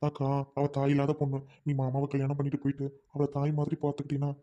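Guy doing a hot-headed little brother, talks fast, darkish voice, begging his sister. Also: medium pitch, monotone, warm tone, lightly acted. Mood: pleading. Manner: urgent, pleading. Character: devoted hot-tempered younger brother.

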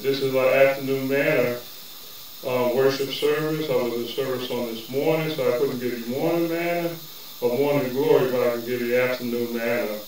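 A man preaching a sermon as bishop, building into a fervent cadence with drawn-out words. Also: medium pitch. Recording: echoey distant room with faint noise.

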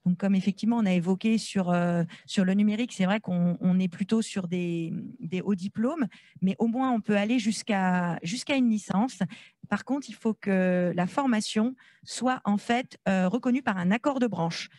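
A woman's voice: medium pitch, normal speed, a little mellow, dry recording, studio quality. A woman speaking through a face mask into a handheld microphone, giving an informal explanatory presentation with some hesitant rephrasing. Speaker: presenter at a conference. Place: conference room with a small panel on stage. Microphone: handheld microphone held close to the mask.

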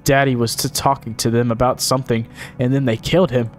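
A man's voice: mid-range voice, little pitch movement, soft background music, close to an everyday voice. A man voicing a frightened little girl from a game, stammering over her words. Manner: stammering, halting. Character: scared stuttering little girl.

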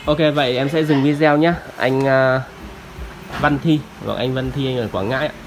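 A man's voice: mid-range voice, fairly even intonation, normal speed, slight background noise, rough recording. A man giving a polite, hesitant product demo as an audio shop salesman. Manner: polite, deferential, with frequent hesitations. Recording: music playing clearly behind.

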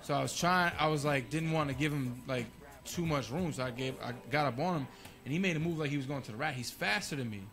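A young man co-hosting a podcast, telling animated stories and swearing freely. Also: fairly high pitch, fast, soft background music. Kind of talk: casual chat.

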